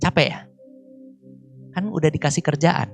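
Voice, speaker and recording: A man's voice: on the high side, moderate pace, vocal fry, faint music behind. A man voicing God in a retold story, rebuking a complainer in a plain, conversational way. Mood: calm. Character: God speaking to a man, calm then scolding.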